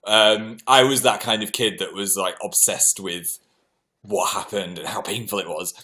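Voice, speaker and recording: British guy rambling on his livestream, bright voice, telling goofy stories about himself. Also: fairly low pitch, normal speed. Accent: British English. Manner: animated, self-mocking, chatty anecdotes. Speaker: livestream host. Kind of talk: casual storytelling to viewers.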